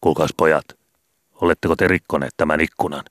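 A man voicing an adult male photographer who questions two boys in a calm, mock-stern way. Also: a bass voice, no room sound, clean studio sound.

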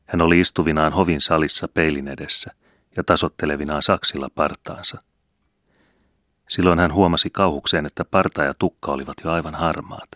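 A man narrates an audiobook in a very deep voice. His measured, even storytelling is recorded close and dry. The sound has no room to it. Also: no echo. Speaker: audiobook reader.

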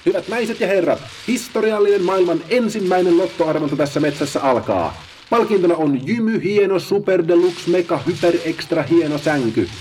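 A man voicing an energetic, bossy female sloth for a children's storybook, with a shrill, loud, excited delivery. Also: a little hiss or hum. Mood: announcing. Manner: excited, rapid calls to rouse others.

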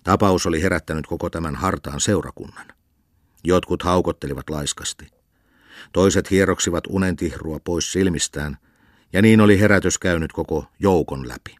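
Deep-voiced male audiobook narrator. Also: no room sound, studio quality. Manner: even, storytelling narration. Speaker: audiobook reader. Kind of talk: scripted narration of a novel.

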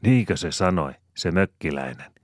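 A man reading the part of a talkative old peasant who tells a funny tale to fellow haymakers, in a slightly raised, lively voice. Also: sits low, no room sound, clean studio sound. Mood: storytelling.

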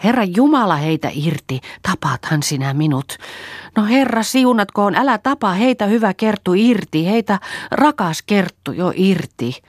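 A woman's voice: sits low, very animated, husky, no echo, clean studio sound, voice pushed up, heavily acted. A woman reading an audiobook, voicing a frightened young woman who pleads with her sister in a trembling voice. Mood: pleading.

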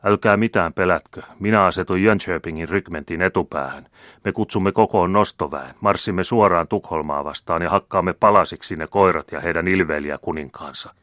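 A man reading an audiobook, voicing an older hot-tempered general who shouts fiery demands. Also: sits low, no room sound, clean studio sound.

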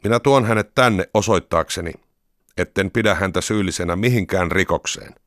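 A man voicing a stern Roman governor in a scripture reading, measured and questioning. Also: deep voice, fairly bright tone, no room sound, studio quality.

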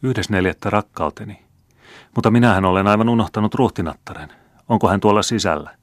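A man's voice: on the low side, dry recording, studio quality, pitched above the performer's own voice, natural voice. A man reading the lines of a remorseful noble count in an audiobook, in an earnest, heartfelt way. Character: noble middle-aged male count, remorseful.

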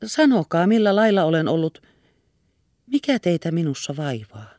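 A woman's voice: on the low side, very animated, darkish tone, dry recording, studio quality. A woman reader voicing an anxious young woman who pleads tenderly and earnestly. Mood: pleading. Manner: earnest and imploring.

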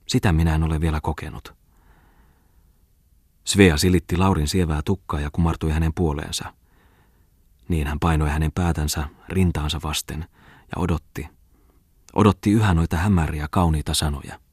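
A man's voice: rumbling low, breathy edge, dry recording, studio quality. A man reading a novel aloud as an audiobook narrator, voicing the dialogue within his narration. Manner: even literary reading with quoted dialogue. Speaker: audiobook reader. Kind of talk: scripted narration.

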